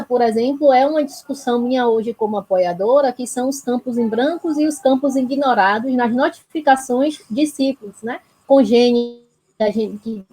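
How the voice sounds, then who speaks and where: Casting: woman, Bahian Brazilian accent, raised pitch, husky tone, earnest conversational host delivery. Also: mellow, poor audio. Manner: earnest, frequent tag questions seeking agreement. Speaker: panel host, health project institutional supporter. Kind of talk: reflective conversational talk.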